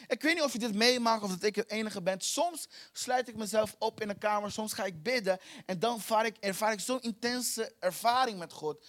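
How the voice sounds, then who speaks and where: Man preaching, high-pitched, impassioned and repetitive, dynamic volume. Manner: impassioned, repetitive, swings between soft and loud. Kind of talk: sermon.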